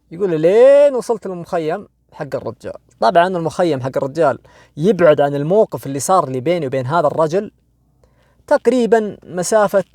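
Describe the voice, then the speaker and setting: A man's voice: a little high, vocal fry, darkish tone, no echo, studio quality. A young man with a Saudi accent retelling a horror story to his audience, casual and conversational, drawing out the tense moments. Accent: Saudi Arabic. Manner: conversational, asks listeners "you know?", frequent restarts; swings between quick asides and slow, dramatic drawn-out phrases.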